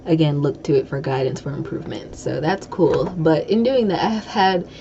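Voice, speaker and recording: A woman with a deep, expressive, mellow voice talks at a moderate pace while hosting a laid-back podcast. She wanders and self-corrects, lisping slightly because of a broken tooth. Faint noise sits under the dull, lo-fi recording.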